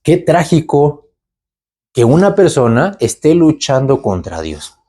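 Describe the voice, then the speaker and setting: A man's voice: on the high side, sing-song, slow, warm tone, husky. A man teaching the Bible conversationally, asking rhetorical questions and tagging lines with "¿verdad?". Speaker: preacher.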